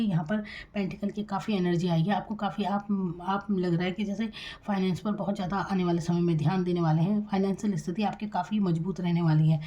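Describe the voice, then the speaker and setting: A woman from India giving a tarot reading, speaking quietly and calmly and addressing the viewer directly with reassurance. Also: on the low side, highs cut off. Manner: soft-spoken, deliberately quiet. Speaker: tarot reader.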